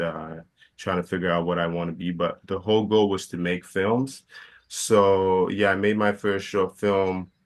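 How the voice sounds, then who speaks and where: A young man from Ghana with a very low, deep voice, answering interview questions about his work. He hesitates often and restarts his sentences as he talks, filling the pauses with small fillers. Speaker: filmmaker guest. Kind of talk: casual interview.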